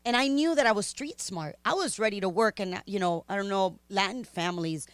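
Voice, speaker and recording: This medium-pitched voice is clear and resonant, a bit quick, and free of room sound. It belongs to a middle-aged Miami woman, a native Spanish speaker with a Spanish-influenced accent, who is a podcast guest recounting her story frankly, animated and chatty with many ums and laughs.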